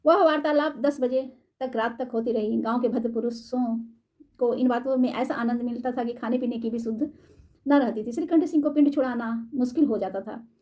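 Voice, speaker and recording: A woman storyteller reading a classic short story aloud in a measured, formal way. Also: a little high, warm tone.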